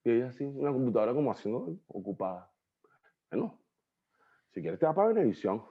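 A man's voice: mid-range voice, fast, husky, lo-fi sound. A young adult man with a Venezuelan accent, telling stories as an interview guest and acting out the voices of people in them. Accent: Venezuelan Spanish. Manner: animated, acts out quoted voices, slangy. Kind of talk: casual storytelling interview.

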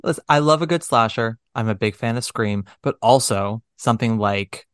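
A man hosting a casual podcast interview, talking in an animated, emphatic, jokey way. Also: medium pitch, moderate pace, clean tone, dry recording, studio quality. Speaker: podcast host.

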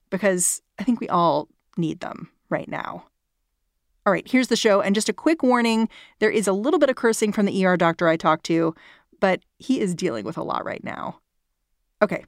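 A woman's voice: medium pitch, animated, moderate pace, no room sound. A woman hosting a podcast in a conversational but scripted way, recorded close in a small closet at home. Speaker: podcast host.

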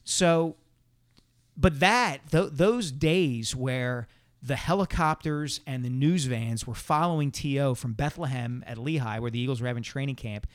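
A man talks quickly and clearly, working through his argument point by point. His voice sits at a middle pitch, and he sounds at ease in casual talk. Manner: brisk, explanatory, makes points in order. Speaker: sports columnist guest. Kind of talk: casual chat.

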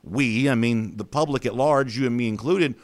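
Guy hosting sports talk, mid pitch, kinda rambly and opinionated, lots of you knows. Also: moderate pace. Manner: opinionated, thinking aloud with many fillers. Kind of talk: conversational sports interview.

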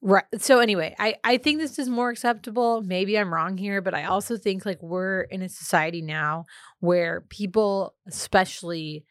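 A woman's voice: medium pitch, moderate pace, dry recording, clean studio sound. A woman co-hosting a casual advice podcast, chatty and opinionated, with many filler words. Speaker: podcast co-host.

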